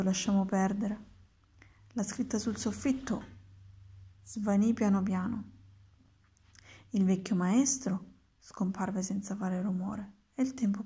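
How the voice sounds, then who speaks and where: A woman reading a children's storybook aloud in a calm, even narration. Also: mid-range voice, creaky, slightly rough. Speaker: reader.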